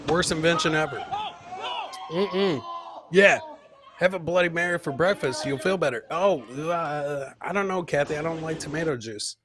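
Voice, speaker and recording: This American man hosts a comedy podcast, reacting loudly and boisterously to funny clips. He swears freely, tosses out catchphrases, and speaks with a fairly high pitch.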